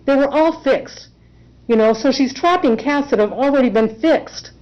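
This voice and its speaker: A woman's voice: high voice, moderate pace. Emotional woman testifying in court. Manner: emotional, earnest, insistent. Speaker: self-represented respondent in court. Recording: dull lo-fi courtroom recording.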